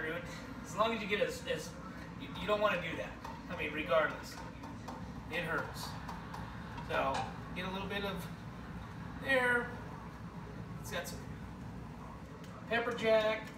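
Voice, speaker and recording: A man in his forties hosting a home cooking show, joking and rambling as he cooks, saying "okay" again and again. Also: sits high. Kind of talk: casual cooking demonstration. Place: home kitchen, indoors. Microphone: camera across the room. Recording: echoey kitchen, distant camera mic, noisy.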